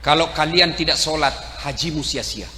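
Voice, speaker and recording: A male preacher giving a humorous, animated sermon to a crowd, shouting and joking. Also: fairly high pitch, moderate pace, slight background noise. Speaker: Islamic preacher. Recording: echoey hall, faint ambience.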